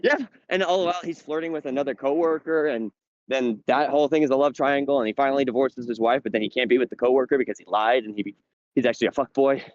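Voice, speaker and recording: A man in casual chat on a podcast, out of breath from walking uphill as he talks, animated and swearing while he tells a story. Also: mid-range voice, fast, no room sound, dull audio. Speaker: podcast host.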